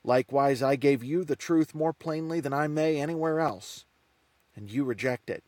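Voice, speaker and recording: A man's voice: on the high side, moderate pace, a little mellow, dry recording, natural voice. A man voicing a young, defiant prophet who lectures a council in an earnest, reproachful way.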